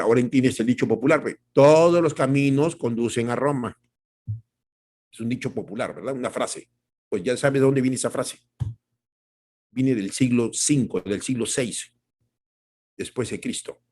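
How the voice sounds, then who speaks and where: A man's voice: mid-range voice, breathy edge. A man preaching a sermon as pastor, talking emphatically and directly to the congregation with many rhetorical questions.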